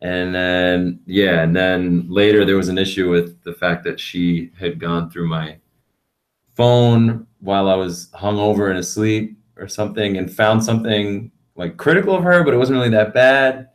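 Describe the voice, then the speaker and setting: A low-pitched man rambles through a loose podcast conversation. He swears freely and pads his sentences with fillers. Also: moderate pace. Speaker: podcast co-host. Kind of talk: casual chat. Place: home studio on webcam.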